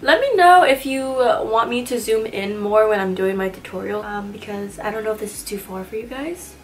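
A young woman in her twenties, a beauty vlogger with a cold-stuffed nose, walks through a makeup tutorial in a small room. Her voice sits a little high, and she chats casually in slang, teasing herself along the way.

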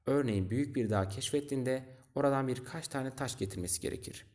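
A man's voice: medium pitch, quick pace, a little mellow, close to an everyday voice. A man reading aloud, voicing a bookish, self-important old male geographer from a storybook who lectures. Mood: lecturing.

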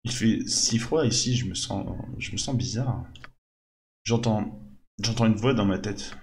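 A man's voice: mid-range voice, fairly bright tone, a little hiss or hum, pitched above the performer's own voice. Man acting a possessed man in prophetic trance. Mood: dazed, eerie. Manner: prophetic trance, halting and mounting to frenzy. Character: possessed male worker raving in a prophetic trance.

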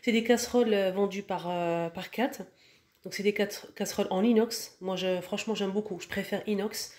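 A woman's voice: mid-range voice, fairly even intonation, moderate pace, darkish tone, reverberant. A woman giving a casual home decor tour and showing her purchases, talking hesitantly with many fillers and restarts. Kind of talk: casual voice-over room tour.

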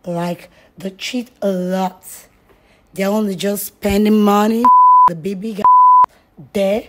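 A woman's voice: medium pitch, steady tone, slow. Woman, 20s, from Nigeria, shy and giggly interviewee affecting an American accent. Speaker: street interviewee. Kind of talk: casual street interview.

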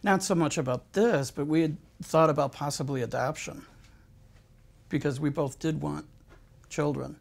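A man in his forties telling personal family moments in a gentle, heartfelt way during a casual interview. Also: a little high, normal speed, vocal fry. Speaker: interviewee, co-parent. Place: living room, sitting in an armchair.

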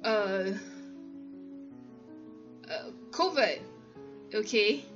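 This gamer is a Singaporean-accented woman with a mid-range, fairly bright voice, lively intonation and drawn-out words. She chats casually, reads aloud, thinks aloud and exclaims as she plays a word game for her let's play. Music runs beneath the muffled, lo-fi recording.

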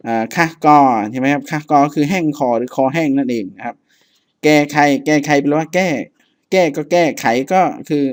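A male language teacher with a slightly high voice leads a reading lesson at a moderate pace, reading items aloud one at a time and then explaining each. He's patient and relaxed, using polite particles often.

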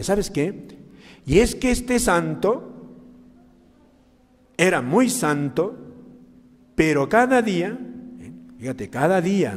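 A man preaching a sermon as a priest, asking the congregation many questions, with big swings in loudness and pitch. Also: big-room sound. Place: church during mass.

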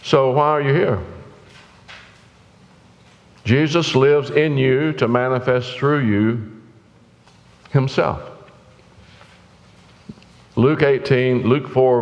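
An older man preaching a sermon from a church pulpit, earnest and rising to urgent exhortation. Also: lowish voice. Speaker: pastor. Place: church sanctuary, indoors, at the pulpit. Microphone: pulpit mic from a far camera. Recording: roomy hall reverb, dull lo-fi sound.

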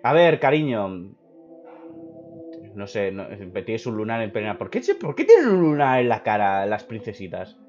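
A young man commentating a game, reading cards aloud in a brash, profane way that swings from mumbles to excited outbursts. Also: lowish voice, a little fast, few pauses, lo-fi sound, faint music behind. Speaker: gaming YouTuber.

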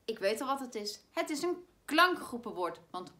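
A woman teacher with a Dutch accent giving a spelling lesson to primary pupils, saying words slowly and clearly so they can be spelled. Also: on the high side, big pitch swings, sharp tone. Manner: slow, clear, stretches words to spell them out.

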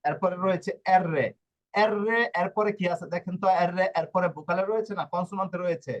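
Male language teacher, patient, repetitive, higher voice, dull lo-fi sound. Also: fairly quick. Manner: patient, repeats points and checks in with "okay?". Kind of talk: live online class in Bengali. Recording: dull lo-fi audio.

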